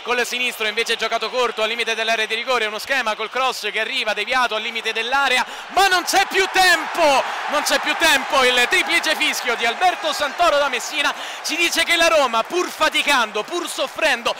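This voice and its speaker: A man giving live radio football commentary in a fast, crisp, emphatic manner. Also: very high-pitched. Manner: excited, emphatic delivery. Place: football stadium, commentary position. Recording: outdoor stadium ambience noise. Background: faint stadium ambience.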